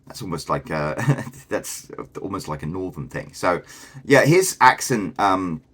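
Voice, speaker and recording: Brief: male video host, extremely deep and a bit husky, casual enthusiastic commentary. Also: expressive, measured pace, fairly bright tone. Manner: chatty and enthusiastic, with many fillers.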